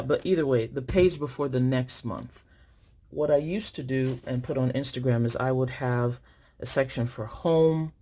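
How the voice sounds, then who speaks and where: A Nigerian woman with a rumbling low, darkish voice chats casually to her viewers while filling in her planner. The planner vlogger thinks aloud and corrects herself as she writes.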